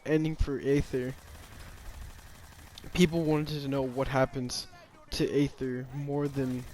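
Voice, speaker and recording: A man's voice: mid-range voice, level tone, slow, a little mellow, a little hiss or hum. A man giving a casual, rambling opinion monologue about a game, often hesitating, restarting and sighing.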